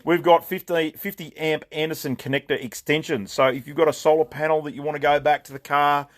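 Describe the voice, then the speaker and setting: A man's voice: a little high, level tone, fairly quick, a bit bright. A man with an Australian accent hosting a casual live stream from his shop, greeting viewers by name and rambling through new stock with fillers and jokes.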